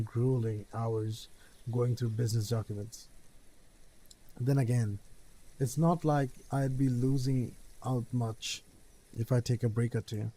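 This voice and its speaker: Mellow-voiced man stumbling through a read-aloud. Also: mid-range voice. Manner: stumbles over words, repeats and restarts. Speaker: streamer reading a story game aloud. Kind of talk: casual read-aloud of game text.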